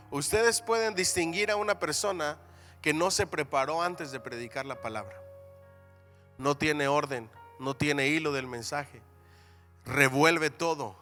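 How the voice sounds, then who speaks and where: In a church hall, a man teaches a Bible seminary class in a bright, forceful voice on the high side. He uses call-and-response, calling on the class to answer, repeat after him and say amen. He reads scripture aloud with emphatic rises.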